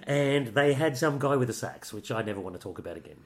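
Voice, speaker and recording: A man's voice: mid-range voice, lively intonation, fast talker. A man with an Australian accent, co-hosting a show in casual chat with a dry, wry manner. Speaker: co-host of a Eurovision show.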